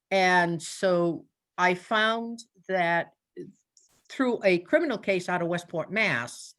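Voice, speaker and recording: Speaking in a lowish, fairly bright voice, an older woman chats as a guest in a relaxed interview about her work as an animal communicator. She tells stories, laughs a lot, and plays out her animals' thoughts.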